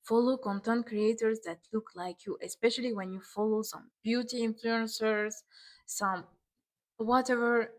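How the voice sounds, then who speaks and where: A woman speaking in a casual advice vlog, earnest and direct, with non-native English phrasing. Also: fairly high pitch. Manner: earnest, direct, encouraging, repeats her points. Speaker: beauty and self-image content creator.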